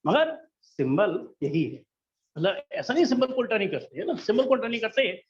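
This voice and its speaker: High-voiced patient male math teacher. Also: big pitch swings, a little fast, highs cut off. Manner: patient, coaxing, checks understanding often. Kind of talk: classroom lesson. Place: classroom.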